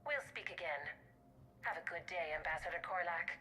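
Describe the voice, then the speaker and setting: An actress playing a cool, controlling female agent in a video game, speaking in a measured, quietly threatening way. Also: on the low side, soft background music. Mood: cool, insistent. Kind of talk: dramatic game acting.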